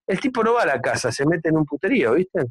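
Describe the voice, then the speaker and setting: A man with an Argentine accent telling crude jokes in a casual chat, acting out the characters with shouted lines and asides. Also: a little high, quick pace, slightly rough, no room sound. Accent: Argentine Spanish. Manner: animated, acts out joke characters with shouting and asides.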